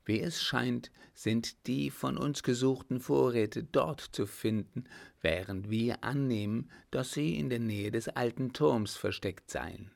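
Picture a composed, watchful gentleman in disguise who asks his questions steadily and slowly, as a man reads him in an audiobook. The voice has a gravelly, creaky edge and takes its time. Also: mid-range voice. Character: calm, watchful man posing as a doctor.

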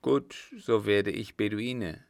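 A man voicing a young man in love, earnest and determined, in his own plain low voice. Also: takes it slowly, vocal fry, dry recording, studio quality.

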